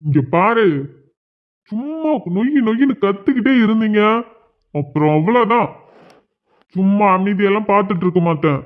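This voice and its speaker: A man's voice: sits high, expressive, normal speed, pauses often. A man voicing a masked robber in a cartoon who gives cold orders to his hostages. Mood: menacing. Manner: threatening, commanding. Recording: tinny phone-like sound.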